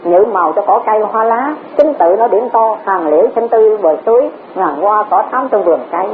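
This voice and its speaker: Expressive and fairly quick, this woman's mid-range voice carries a Dharma talk she's teaching. She's repetitive, asks rhetorical questions and often chuckles, all on a tinny tape with faint hiss.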